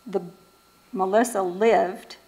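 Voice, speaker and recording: A woman talks at an ordinary middle pitch to a church group. Her delivery is casual and conversational, with frequent fillers and restarts. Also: fairly even intonation, slow, a little mellow, rough recording. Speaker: speaker at a church event.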